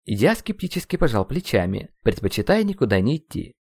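A man narrating a first-person audiobook, expressive and ironic. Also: medium pitch, brisk, dry recording, clean studio sound.

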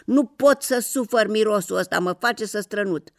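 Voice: creaky, close to an everyday voice. A storyteller voicing an old, bored overcoat in a children's tale, with a thick voice and a grumbling manner. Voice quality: thick, deep voice.

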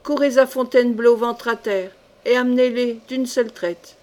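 A brusque, angry medieval duke snaps short commands at his captains, read by a woman narrator. The voice sits somewhat high, and every line comes out curt and gruff, as in a storybook reading. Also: steady tone, moderate pace, a little mellow, lightly acted. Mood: commanding.

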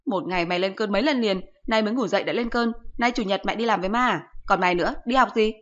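A woman voicing a sharp-tongued middle-aged mother who scolds and mocks her son, in a storybook reading. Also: medium pitch, quick pace, dull audio, close to an everyday voice. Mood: scolding mockery. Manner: mocking, scolding.

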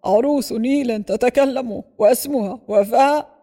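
A woman's voice: fairly high pitch, unhurried, dark tone, faint music behind. A woman voicing an amused, doubtful grandfather who teases the children in a storybook reading. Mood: teasing. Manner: chuckling, teasing disbelief.

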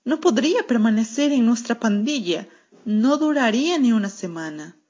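A woman's voice: a little high, animated, moderate pace, darkish tone. A woman reading a children's story aloud for radio, narrating in a wry, sardonic first-person cat voice. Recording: muffled lo-fi radio recording.

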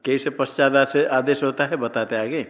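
A man's voice: mid-range voice, steady tone, moderate pace. A man teaching Sanskrit grammar as a classroom lecture, explaining step by step and asking questions that he then answers himself. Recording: long reverb of a lecture hall.

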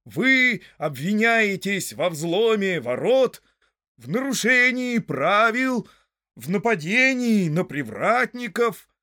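A man's voice: sits high, sing-song, slow pace, sharp tone, voice pushed up, heavily acted. A man voicing a pompous male hobbit chief of the guards in a storybook reading, solemn and drawn out.

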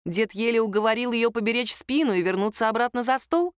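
A woman's voice: a little high, a little fast, clean tone, dry recording, clean studio sound. A woman narrating a story as an audiobook, lifting her voice when she quotes the characters.

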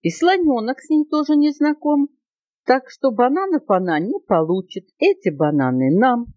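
A woman voicing a cheeky, excitable female monkey in a storybook reading, with an eager, mischievous manner. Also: sits high, normal speed, no echo, highs cut off, pitched above the performer's own voice.

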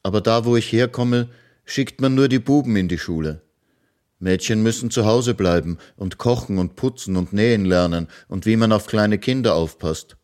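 A man's voice: lowish voice, moderate pace, pitched above the performer's own voice, natural voice. A man doing a wistful young girl. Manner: gentle, earnest.

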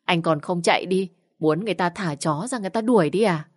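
A woman's voice: on the low side, fast talker, darkish tone, lightly acted. A woman voicing a bold, mischievous young woman who teases and talks brashly. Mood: teasing. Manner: teasing, brash.

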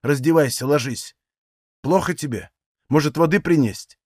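A man's voice: on the high side, moderate pace, slightly rough, no room sound. A stern, fussing old peasant mother speaks in a raised, firm voice, as a man reading the story puts her on. The sound is dry and close. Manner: firm scolding, then soft coaxing.

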